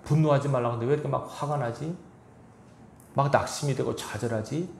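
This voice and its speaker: A man's voice: mid-range voice, brisk, vocal fry, slight background noise. A male pastor giving a sermon, reading scripture and then pressing the congregation with rhetorical questions. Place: church sanctuary. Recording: echoey church room.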